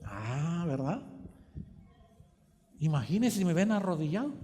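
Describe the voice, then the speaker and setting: A man preaching a sermon, asking the congregation to finish his sentences, moving between quiet and emphatic. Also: on the high side, sing-song, measured pace. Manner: asks the congregation questions for them to fill in. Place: church hall. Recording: long church hall reverb.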